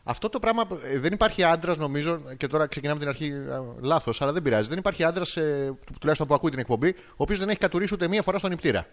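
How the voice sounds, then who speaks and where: A man's voice: on the high side, lively intonation, few pauses. Joking man co-hosting a podcast. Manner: joking, crude, playful. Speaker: podcast co-host. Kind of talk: casual comedic banter. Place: emptied room with echo.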